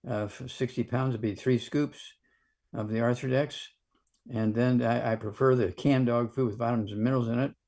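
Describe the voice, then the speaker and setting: A man with a gravelly, creaky voice answers callers on a live show. He talks in a brisk, folksy way and cuts in to keep things moving. His pitch sits in the middle. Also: fairly even intonation, a little mellow. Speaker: call-in show expert. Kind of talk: live call-in advice.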